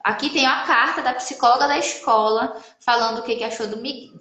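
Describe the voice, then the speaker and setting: A woman, speaking casually on a live stream as a relaxed, chatty mother. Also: a little high, a little fast. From Brazil. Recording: echoey room sound.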